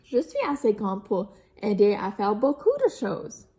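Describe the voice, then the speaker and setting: A woman's voice: measured pace, close to an everyday voice. A woman voicing an eager, clumsy young boy in a children's storybook, exclaiming in a raised voice. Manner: high, excited exclaiming.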